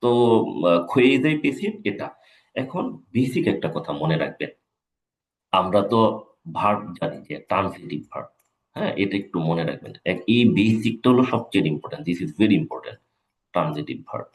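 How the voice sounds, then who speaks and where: Low-voiced man teaching in an echoey room. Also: big pitch swings, brisk, long pauses. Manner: repeats key points, checks in with "হ্যাঁ?". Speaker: English teacher. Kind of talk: live exam-prep lecture.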